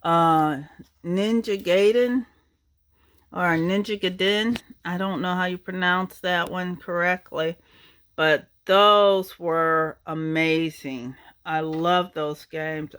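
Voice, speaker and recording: A woman's voice: sits low, fairly even intonation, takes it slowly, a bit bright, clean tone. A middle-aged woman rambling nostalgically about her game collection in a casual chat, with lots of ums and uhs. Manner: rambling, nostalgic, many fillers.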